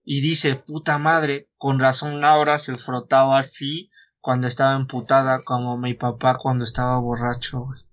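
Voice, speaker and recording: A man's voice: medium pitch, level tone, normal speed, fairly bright tone, muffled recording. A Mexican man retelling a story in casual chat, slangy and foul-mouthed, acting out the dialogue as he goes. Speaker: podcast host retelling a story.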